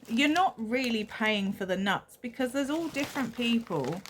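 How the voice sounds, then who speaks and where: A woman's voice: medium pitch, a bit bright, a little hiss or hum. A young woman from England, chatting casually and self-deprecatingly as she shows off a shopping haul on her vlog. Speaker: vlogger.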